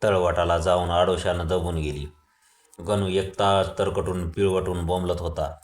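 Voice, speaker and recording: A man reading a novel aloud as a storyteller, with steady, even narration. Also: low-pitched, a little slow, reverberant. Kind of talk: audiobook reading of a Marathi novel.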